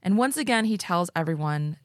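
A woman's voice: on the low side, expressive, brisk, dry recording, clean studio sound. A woman co-hosting a podcast recorded in an attic, telling a story in a casual, informal way. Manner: informal, swearing. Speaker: podcast co-host.

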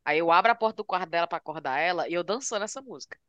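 A woman chats casually with friends and tells playful, teasing stories. Her voice sits somewhat low. The sound is dull and lo-fi, yet dry and close. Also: lively intonation, racing, a bit bright, no room sound. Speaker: podcast co-host. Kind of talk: casual chat among friends.

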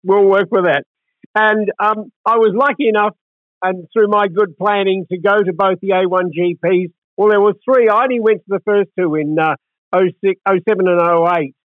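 A man's voice: high-pitched, steady tone, normal speed, no room sound. A man in his seventies hosting a conversational interview in a wordy way. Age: 70s. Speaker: interview host. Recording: thin, tinny phone-like line.

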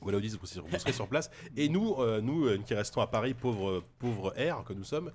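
A man's voice: mid-range voice, expressive, brisk, over a noisy crowd. A man hosting a podcast in casual chat, joking and reading listener messages aloud. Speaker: podcast host. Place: studio in Paris.

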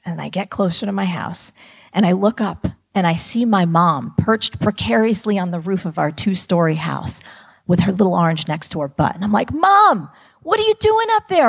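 A woman from New Jersey giving a motivational talk to high school students, telling a lively personal story. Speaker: motivational speaker.

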